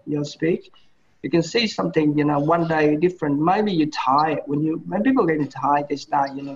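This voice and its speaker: A man with a somewhat high voice gives loose, halting feedback to his class. He restarts phrases and leans on fillers as he talks. The sound is dull and lo-fi, as from a video call. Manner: hesitant, repeats and restarts words, many fillers. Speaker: teacher giving feedback.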